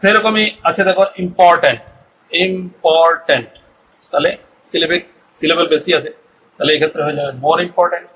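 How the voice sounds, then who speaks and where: A man with a Bengali accent teaches an English grammar lesson, explaining each step and pausing to check that his students follow. His voice is bright and forceful and sits a little high. A faint hiss of background noise runs under the recording. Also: poor audio. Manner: explains step by step, often asks "ঠিক আছে?".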